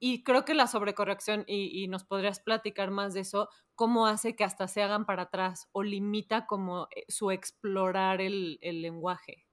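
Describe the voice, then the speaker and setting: Brief: woman, podcast host, mid-pitched, easy conversational tone. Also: fairly even intonation, normal speed, hardly any pauses. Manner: conversational, asks follow-up questions. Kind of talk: casual podcast chat.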